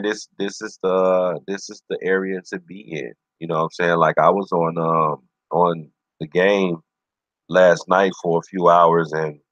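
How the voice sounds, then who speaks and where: Hosting his own livestream show, a man talks in a low voice that sounds pushed and bright, on a muffled recording with no echo. His casual talk is easygoing and encouraging, and he keeps saying "you know what I'm saying."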